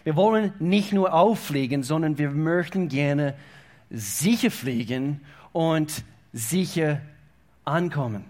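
Halting, higher-voiced male preacher. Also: lively intonation. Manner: halting with repeated words, swings between hushed and loud. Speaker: pastor. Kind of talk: sermon.

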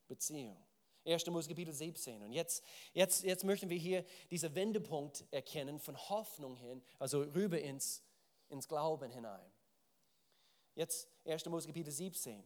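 A man preaching a sermon. He speaks emphatically, often repeats words while searching for his phrasing, and puts questions directly to his listeners. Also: a little high.

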